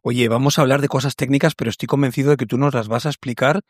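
A man's voice: medium pitch, fairly even intonation, racing, no room sound. Male host, dry voice. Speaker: podcast host. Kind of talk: interview questions.

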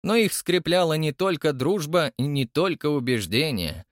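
A man voicing a triumphant old male chairman who believes in fate, speaking in drawn-out, exclamatory bursts. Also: a little high, expressive, dry recording, clean studio sound, voice pushed up, close to an everyday voice. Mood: fervent. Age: older. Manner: exclamatory, drawn-out emphatic words.

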